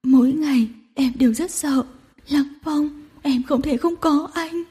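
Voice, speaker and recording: A woman's voice: high voice, measured pace, warm tone, pitched above the performer's own voice. A woman reading a storybook and voicing a tearful, clingy young woman who pleads between sobs. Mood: sobbing, pleading. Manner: sobbing, pleading, breathy.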